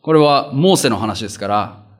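A man delivering a sermon. He preaches in a conversational way, repeats phrases for emphasis and slows down when reading scripture. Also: mid-range voice, lively intonation. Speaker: pastor.

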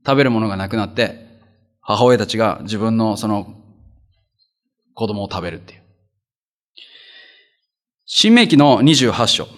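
A man delivering a sermon. He preaches in a conversational way, repeats phrases for emphasis and slows down when reading scripture. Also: on the low side, lively intonation, a bit bright. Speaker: pastor.

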